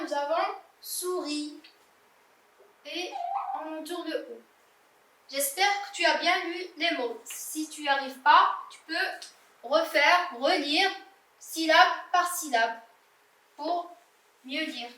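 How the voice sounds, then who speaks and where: A woman's voice: high-pitched, pushed and bright, echoey room, recorded from a distance. A young woman teacher correcting a primary-school reading exercise, patiently spelling out words letter by letter. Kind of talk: slow classroom exercise correction.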